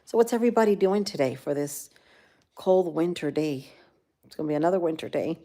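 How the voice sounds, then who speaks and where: A deep, mellow female voice moving a little fast belongs to a casual livestream host with a Cuban accent and a Florida upbringing. Reading through viewers' comments, she rambles on, speaks right to them, and leans heavily on fillers.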